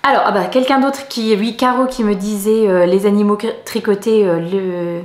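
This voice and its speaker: A middle-aged woman from France chatting in a casual knitting vlog, rambling with many hesitations and soft laughs. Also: mid-range voice, fairly even intonation, normal speed, roomy sound. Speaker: knitting vlogger.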